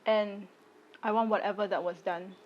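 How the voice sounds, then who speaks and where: Holding a steady tone at a normal pitch for a woman, a late-20s content creator from Singapore makes her personal statement to the camera. Her phrases are short, deliberate and firm, and the audio sounds dull.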